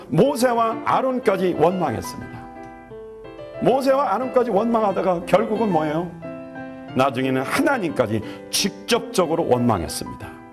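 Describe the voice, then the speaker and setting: Gravelly, animated Korean pastor preaching. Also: male voice, on the high side. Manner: rhetorical questions, animated preaching. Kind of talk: sermon.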